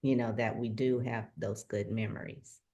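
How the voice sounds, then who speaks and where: A middle-aged woman co-hosting a heartfelt conversation, soft-spoken and hesitant, with many pauses. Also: a bass voice, steady tone. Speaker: co-host.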